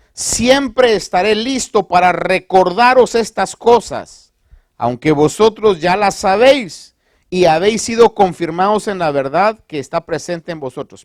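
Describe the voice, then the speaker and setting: Speaking in a high register, a male pastor gives a lively, chatty sermon, posing rhetorical questions to his listeners and mixing in bits of English. The audio is dry, clean, and studio-quality.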